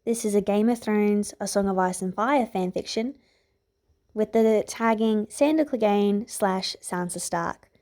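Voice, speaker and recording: A woman with a mid-range, slightly mellow voice reads a scripted fan fiction story aloud at an unhurried pace. She is the podfic's author as well as its narrator.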